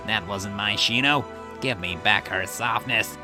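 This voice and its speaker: A man with a low voice reads aloud game dialogue for a bitter, grieving middle-aged character who is obsessive and ruthless. His lightly acted, measured delivery snarls defensively and flares into outbursts. Game music is clearly audible underneath.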